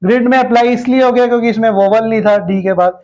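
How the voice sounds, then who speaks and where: A man's voice: extremely high pitch, fast talker, a little mellow, low-quality recording. A man teaching a step-by-step shorthand lesson, patiently repeating each rule with examples.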